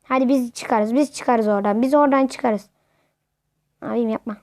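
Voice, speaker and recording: Excitable high-voiced woman gaming. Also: moderate pace, no echo, clean studio sound. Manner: excitable, yells at the game and the referee. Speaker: gamer. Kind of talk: casual gameplay commentary.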